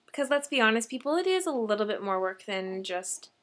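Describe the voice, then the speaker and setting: Young Canadian woman vlogger, high-pitched, chatty and self-deprecating. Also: big pitch swings, fairly quick. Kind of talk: casual vlog chat.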